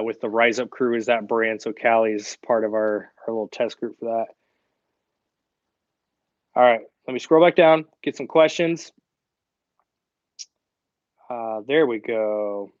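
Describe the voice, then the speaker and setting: A young man hosts a live online Q&A stream, chatting casually and directly with plenty of fillers. His voice is mid-range and fairly bright, and the audio is lo-fi with no echo.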